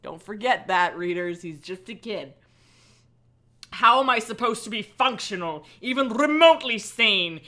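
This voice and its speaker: A woman with a medium-pitched voice hosts a livestream, cold-reading aloud and tossing in mocking asides. She's animated, sarcastic and giggly, and swears casually.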